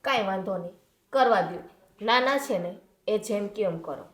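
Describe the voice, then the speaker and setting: An actress playing a sister-in-law who pleads with the brothers to calm down in a family drama. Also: female voice, medium pitch, moderate pace, echoey room, lightly acted. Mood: pleading. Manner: pleading, soothing. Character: sister-in-law, the peacemaking wife. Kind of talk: Gujarati family stage drama.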